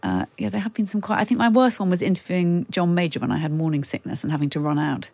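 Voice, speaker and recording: A woman's voice: lowish voice, fast, creaky, a little mellow, no room sound. A middle-aged woman, a newspaper columnist, chatting candidly and at length. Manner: candid, rambling, conversational. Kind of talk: casual chat.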